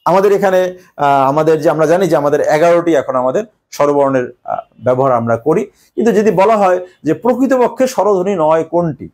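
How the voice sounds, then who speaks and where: A male teacher explaining a grammar lesson step by step, pausing often with hesitations. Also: a little high, animated, darkish tone.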